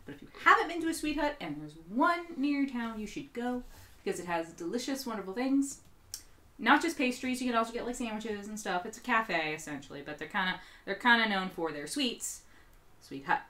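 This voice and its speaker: A woman co-hosting a casual talk show, chatty and quick to laugh, her throat a little strained. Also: a little high. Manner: chatty, laughs often, animated bursts. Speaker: podcast co-host. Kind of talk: casual chat.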